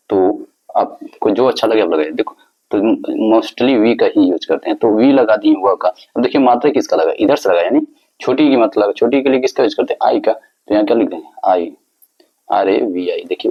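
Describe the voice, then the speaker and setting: A man's voice: fairly low pitch, husky. A male teacher explaining a lesson step by step, asking the class questions and answering them himself. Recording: slightly dull lo-fi recording.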